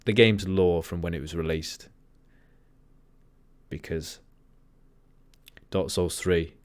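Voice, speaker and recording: A man hosting a livestream, chatting casually in a monotone way and often drifting off topic. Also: low voice, slow, dry recording. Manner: rambling, easily sidetracked. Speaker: livestream host.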